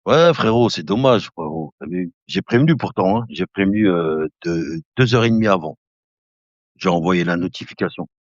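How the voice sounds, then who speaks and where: Talking at a normal speed, a man in his late fifties rambles casually on his live stream, laughing often and calling his viewers brother. He has a very low voice, captured in dull, lo-fi, dry and close sound with no room sound.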